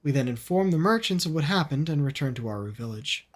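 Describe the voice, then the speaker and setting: A woman streamer reads a game story aloud with expressive delivery. Her voice sits a bit low but moves lively through the lines, with quick self-aware asides. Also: slight background noise.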